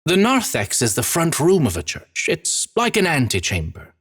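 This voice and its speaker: A man's voice: on the high side, wildly swooping pitch, normal speed, a bit bright, breathy edge, pitched above the performer's own voice, full character voice. A man voicing an earnest priest-astronomer who talks eagerly, with frequent exclamations and encouraging remarks.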